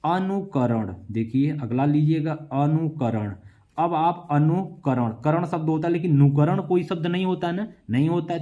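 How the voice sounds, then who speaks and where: A man's voice: on the high side, mellow. A male teacher giving an exam-prep lesson in a casual way, answering his own questions in his students' voice and drilling word splits over and over. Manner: talks to students, voices their replies himself; casual, says "yaar" often.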